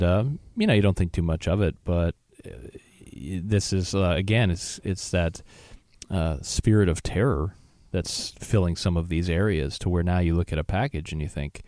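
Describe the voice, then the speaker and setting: A man's voice: low voice, warm tone, no echo, studio quality. A man co-hosting a talk show, discussing the news in a loose conversational way with many fillers and restarts. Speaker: co-host.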